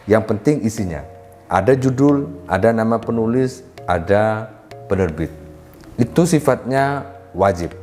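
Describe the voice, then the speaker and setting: A man giving a lesson on writing, walking through points one by one and addressing his listeners politely as ladies and gentlemen. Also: fairly low pitch. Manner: addresses listeners as "Bapak Ibu", lists points step by step. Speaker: writing instructor. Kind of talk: explanatory lesson. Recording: faint background music.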